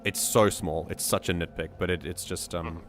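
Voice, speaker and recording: A man hosting a reading stream, reading a community story aloud in a measured way with joking asides. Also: low voice, steady tone, faint music behind.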